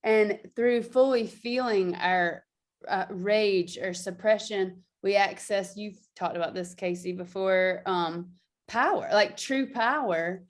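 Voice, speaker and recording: A woman's voice: medium pitch, slow pace. A woman explaining a movement practice in casual chat, talking loosely with frequent fillers and laughs. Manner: chatty, laughs often, many fillers. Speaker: guest teacher.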